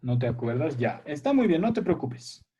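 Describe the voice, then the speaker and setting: A man with a sing-song voice on the high side teaches a primary school language class by video call at normal speed, with background noise audible. He patiently quizzes his pupils, cheers them on, and repeatedly checks in with "a ver" and "¿ya?".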